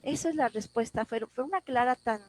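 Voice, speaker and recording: A woman in a class discussion telling a personal story, halting and full of restarts, recorded over a video call. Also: on the high side, rough recording. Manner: halting, many restarts and repeated words, emotional retelling. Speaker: class participant.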